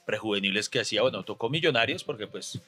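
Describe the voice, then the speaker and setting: A man, a podcast guest chatting casually, animated and quick to laugh and tease. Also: fairly low pitch, husky. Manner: animated, laughs easily, teasing. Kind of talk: casual chat.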